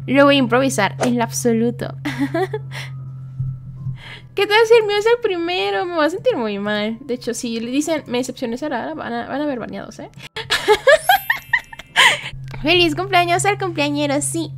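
A woman's voice: sits high, animated, fast, few pauses, over music. A young woman chatting casually on a livestream in a cute anime streamer manner, playful and giggly. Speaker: VTuber streamer.

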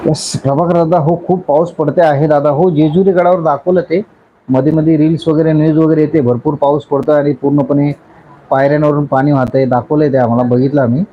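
A man's voice: fairly high pitch, steady tone, fairly quick, slight background noise. Chatty man hosting a lo-fi live stream. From Raigad, Maharashtra, India. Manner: greets commenters one by one, chatty and effusive. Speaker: YouTube live-stream host. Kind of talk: casual live-stream chat with viewers.

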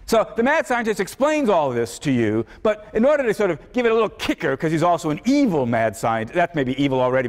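High-voiced male lecturer in a reverberant hall. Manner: conversational, repeats words often, acts out quoted voices. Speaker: university philosophy lecturer. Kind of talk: university lecture.

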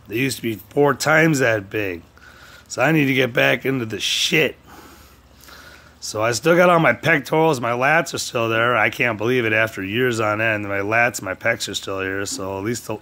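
A man's voice: mid-range voice, normal speed. Crude, profane ranting man. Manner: crude, profane, swings between shouting and muttering. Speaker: vlogger.

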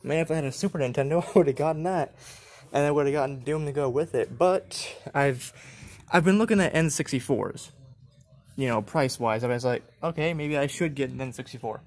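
In this casual handheld walkthrough vlog, a young man with a slightly high voice talks fairly quickly while strolling past glass cases in a big indoor antique mall. He films on his phone, wandering off-topic, laughing often, and lighting up at finds.

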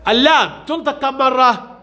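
A male primary teacher runs a reading drill in a classroom, firing off brisk questions and praising each child's answer. His voice sits very high for a man, with a bright, forceful edge. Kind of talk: classroom lesson with young pupils.

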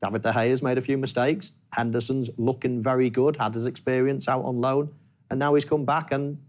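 A man in his forties giving measured football analysis in a TV studio on a lapel mic. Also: medium pitch, flat delivery, a little mellow. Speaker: football pundit. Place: large TV studio.

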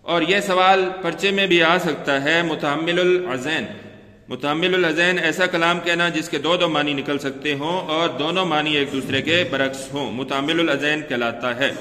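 A man's voice: fairly high pitch, sharp tone. A male Urdu teacher giving a classroom lecture, explaining step by step, repeating key terms and asking the class questions. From Pakistan. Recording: echoey room with long reverb.

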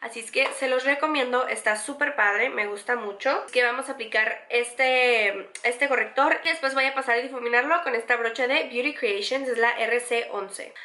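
A woman's voice: on the high side, normal speed, sharp tone, echoey room. A pregnant young woman walks through a makeup tutorial, chatty and enthusiastic, repeating words for emphasis. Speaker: beauty vlogger.

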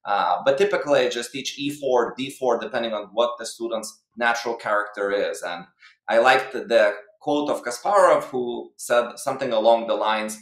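A man's voice: medium pitch, normal speed, roomy sound. A man in his thirties from Lithuania, giving explanatory interview answers as a guest coach over a video call. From Lithuania or former Soviet region. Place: plain room indoors. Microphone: video call, webcam distance.

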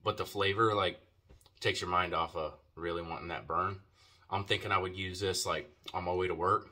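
Deep-voiced man talking around a lip of dip. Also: fairly even intonation, normal speed, bright, forceful tone. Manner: talks with a lip full of dip; laid-back, slangy and profane. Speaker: product reviewer. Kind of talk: casual video review chat.

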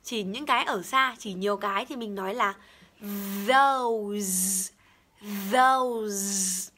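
A woman's voice: medium pitch, a little fast, pushed and bright. A young woman teaching English pronunciation, over-enunciating and repeating each word as she demonstrates it. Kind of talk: bilingual pronunciation lesson.

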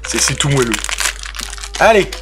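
A man's voice: mid-range voice, very animated, a little slow, over music. A man hosting a casual unboxing video, chatty and playful, often restarting his sentences. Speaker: unboxing channel host.

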